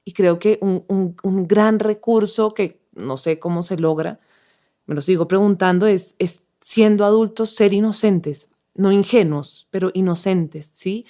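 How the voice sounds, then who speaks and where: A woman interview host with a mellow, warm tone. She reflects on what her guest has said in a thoughtful, unhurried way. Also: mid-range voice. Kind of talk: conversational interview.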